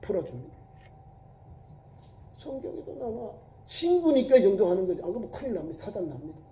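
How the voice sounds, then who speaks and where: Korean pastor preaching in an echoey church. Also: male voice, high-pitched, sing-song, quick pace, a little mellow. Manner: colloquial preaching, voicing biblical speakers in quotes, emphatic repetition. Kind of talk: sermon. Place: church sanctuary.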